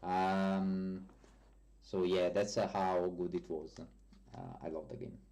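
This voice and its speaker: Slow and low with little pitch movement and a dark tone, this Italian developer, whose first language is Italian and whose accent is strong, chats casually on a live stream. He answers viewer questions and corrects himself often.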